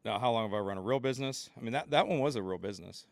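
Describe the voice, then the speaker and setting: A man's voice: medium pitch, very fast, vocal fry, no echo. An American man in his late thirties, a podcast guest, trading playful jokes in casual chat. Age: 30s. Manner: joking, playful banter.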